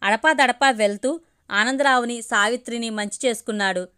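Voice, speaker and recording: A woman reading a serialized story aloud in steady, measured narration. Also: a little high, clean tone.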